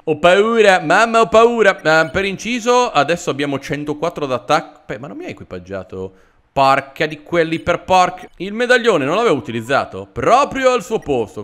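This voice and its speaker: Animated gamer with a sore throat. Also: male voice, a little high. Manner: animated, sarcastic. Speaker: let's play host. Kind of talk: gameplay commentary.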